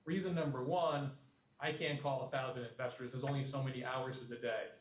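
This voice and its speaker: A man's voice: mid-range voice, steady tone, a little fast, distant mic. Plainspoken male lecturer in an echoey room. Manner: plainspoken, repeats folksy sayings. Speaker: guest lecturer. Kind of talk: classroom lecture on finance.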